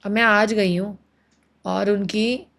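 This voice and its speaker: Amid background noise, a woman in her thirties speaks slowly in a creaky, medium-pitched voice as an interview guest recounting her marriage. She's emotional and animated, mixing Hindi and English and quoting others in acted voices.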